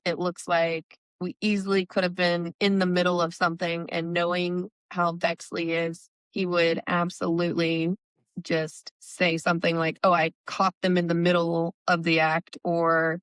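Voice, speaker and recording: A woman's voice: fairly low pitch, a bit bright, clear, resonant tone, no room sound. A woman co-hosting a podcast, chattily recapping a book over a remote call, with plenty of "like" and "um". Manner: chatty retelling, frequent "like" and "um". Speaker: podcast co-host. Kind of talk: casual book-recap chat.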